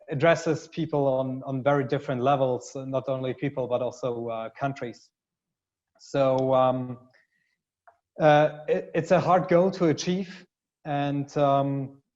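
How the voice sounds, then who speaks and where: A man's voice: mid-range voice, darkish tone, dull audio. A man speaking as a panelist in a webinar, hesitant, with many fillers and restarts. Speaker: panelist, consultancy CEO.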